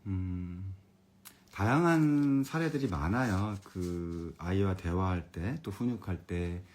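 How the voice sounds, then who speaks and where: Deep-voiced, calm Korean teacher. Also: male voice. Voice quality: calm, comfortable voice. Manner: friendly, chats with viewers and reads out their comments. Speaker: elementary education expert and author. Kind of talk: live-streamed lecture for parents.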